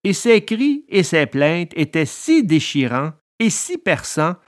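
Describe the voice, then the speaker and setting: Expressive woman reading a storybook. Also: fairly low pitch, takes it slowly, a little hiss or hum. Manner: expressive, animated narration.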